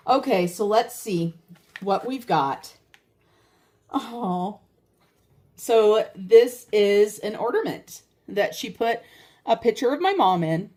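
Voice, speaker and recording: A woman's voice: medium pitch, lively intonation, takes it slowly, long pauses, darkish tone. An older woman chatting casually as a vlogger, heartfelt and talking straight to her viewers. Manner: chatty and heartfelt, addresses viewers as you guys. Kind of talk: casual chat.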